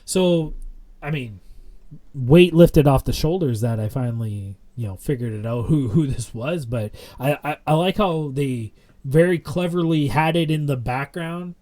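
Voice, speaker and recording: A man's voice: fairly high pitch, measured pace, mellow. A young man co-hosting a podcast, rambling through a casual wrestling recap with lots of fillers. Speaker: podcast co-host.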